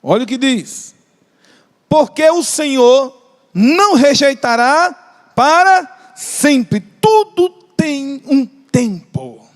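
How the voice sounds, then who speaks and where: Speaking with an extremely high pitch and lively intonation, this Brazilian Portuguese-accented preacher delivers an impassioned sermon in a large church hall. He stretches out important phrases and trades jokes with the congregation, all under a long hall reverb.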